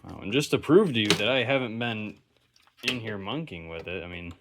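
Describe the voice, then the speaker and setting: Hosting a video inspecting vintage electronics, a man rambles through casual, unscripted commentary, thinking aloud as he goes. His fairly low voice is animated and brisk, and there's noise in the background.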